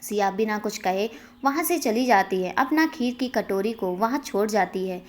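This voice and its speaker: A woman reading aloud a family love story in a plain, steady narrating voice. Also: medium pitch, moderate pace.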